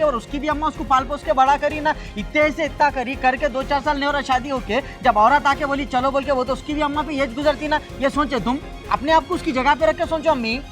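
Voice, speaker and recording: A man's voice: extremely high pitch, steady tone, music in the background. A man playing a son who lectures his mother and in-laws in a comic family skit. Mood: pleading. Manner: fast, preachy, lecturing. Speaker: son and peacemaker in a family sketch.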